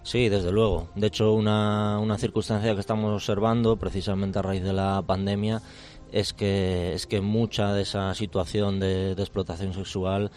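A male police commander with a Spain Spanish accent, answering interview questions in a measured, formal way with frequent hesitations. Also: lowish voice, flat delivery, darkish tone. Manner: measured, formal, hesitant with many fillers and restarts.

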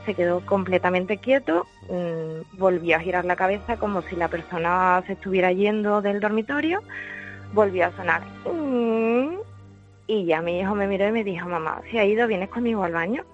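A woman phones in to a radio program and tells her story in a halting way, pausing often to find the next words. The sound is dull and lo-fi, with faint music playing underneath her. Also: medium pitch. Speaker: radio caller. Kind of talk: call-in storytelling.

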